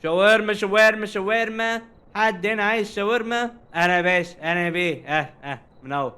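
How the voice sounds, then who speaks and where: A young man with an Egyptian Arabic accent giving jokey, animated commentary while playing a horror game and chatting to its characters. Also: high-pitched, fast talker, smooth. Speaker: gaming streamer. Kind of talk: casual let's-play commentary.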